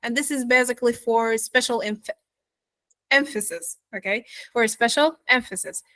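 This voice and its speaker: Woman accent coach on a video call, higher voice, unhurried, dry close sound, constant "okay?" check-ins. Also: a bit bright. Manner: checks in with "yeah?" and "okay?" after nearly every phrase; repeats model words slowly for students to echo. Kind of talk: live online pronunciation lesson.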